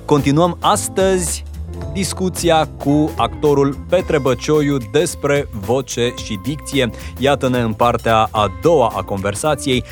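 A man's voice: medium pitch, faint music behind. Articulate man hosting a podcast. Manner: articulate, questioning. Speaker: podcast host, voice and diction teacher. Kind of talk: podcast interview.

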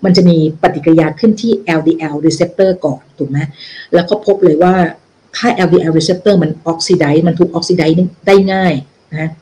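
A health educator with a dark, lowish voice lectures at a moderate pace on a research paper, with poor audio. She explains it step by step in a loose, self-correcting way, mixing in English medical terms and often asking whether listeners are following.

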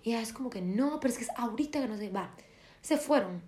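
A woman's voice: fairly high pitch, quick pace. A young woman, chatting casually and acting out quoted dialogue as she tells a story. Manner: animated, acts out quoted dialogue.

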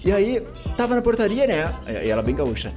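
A man's voice: high-pitched, big pitch swings, brisk, darkish tone, faint music behind. A young man co-hosting a podcast, telling a neighbour story in a dramatic way and acting out the people in it. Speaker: podcast co-host. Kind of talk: casual gossip chat.

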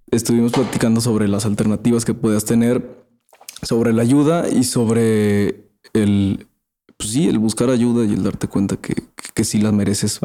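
A man's voice: on the low side, mellow. A man with a Mexican accent hosting a casual monologue, rambling in crude slang and often trailing off and restarting. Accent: Mexican Spanish. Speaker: podcast host.

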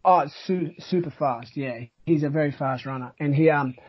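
An Australian man hosting a podcast in casual chat, talking in a halting, rambling but enthusiastic way. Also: fairly high pitch, slightly rough, no room sound. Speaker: podcast host. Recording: dull, lo-fi sound.

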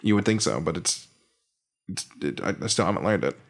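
A man with a loud voice chatting as a podcast guest, joking and sarcastic. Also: low-pitched, animated, a little fast. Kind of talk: casual chat.

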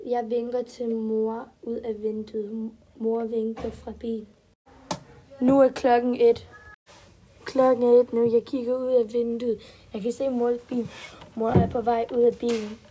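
Woman storyteller, first-person kids' tale, simple sentences, mellow tone. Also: on the high side, flat delivery, slight background noise. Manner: simple short sentences, step-by-step telling.

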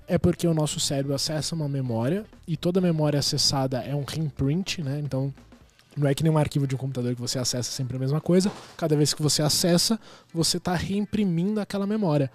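A man speaks as a hypnotherapist guest in a casual podcast. He explains things step by step with technical words. His voice is a little high for a man. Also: fast. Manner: explanatory, uses technical terms. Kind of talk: explaining his work in a chat.

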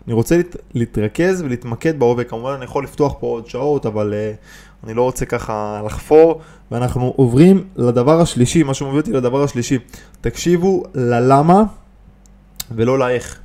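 A man's voice: medium pitch, mellow. A man hosting a podcast on business and mind, talking casually and with emphasis, asking rhetorical questions and restarting often. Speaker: podcast host, business coach. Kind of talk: casual motivational podcast talk.

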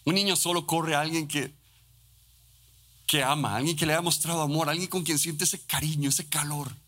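A Costa Rican pastor preaching a sermon in a fervent way, often restarting and adding tag questions. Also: male voice, a little high, steady tone, moderate pace, a bit bright. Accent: Costa Rican Spanish. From Costa Rica.

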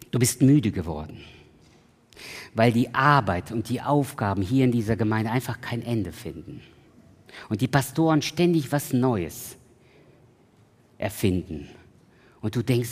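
A man preaching a sermon in a church, swinging from loud emphatic peaks to soft pleading and slowly repeating a refrain. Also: mid-range voice, slightly rough. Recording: long hall reverb.

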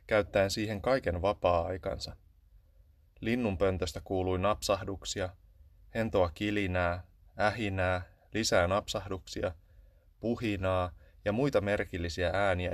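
Low-voiced man reading a storybook. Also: dry recording, clean studio sound. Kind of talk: scripted storybook narration.

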